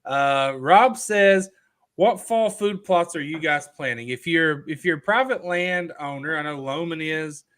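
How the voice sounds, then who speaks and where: A man's voice: a little high, unhurried, a bit bright, clear, resonant tone. A man hosting a casual livestream, talking loosely, reading viewer comments aloud and jumping from topic to topic. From Kentucky. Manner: loose and talkative, reads out viewer comments, jumps between topics. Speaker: livestream host. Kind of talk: casual live chat.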